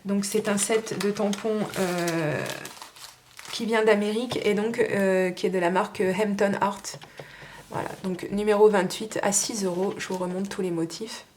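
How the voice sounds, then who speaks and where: A woman's voice: mid-range voice, fairly even intonation, unhurried, a little mellow, slight background noise. A woman casually showing and pricing her craft stamps one by one, talking in a hesitant, chatty way with many fillers. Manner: chatty and informal. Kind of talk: casual show-and-tell sale.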